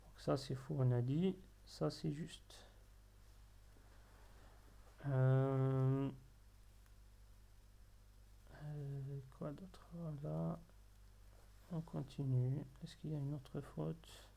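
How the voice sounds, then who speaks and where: A man teaching Arabic letters step by step, patiently drilling syllables slowly and repeating them. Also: fairly high pitch, steady tone, gravelly, warm tone. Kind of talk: slow step-by-step lesson.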